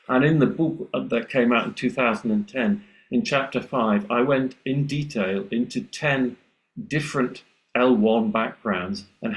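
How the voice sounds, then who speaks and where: An Englishman presenting a webinar as a teacher trainer, explaining and demonstrating speech sounds aloud in an animated way over a video call. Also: mid-range voice, rough recording.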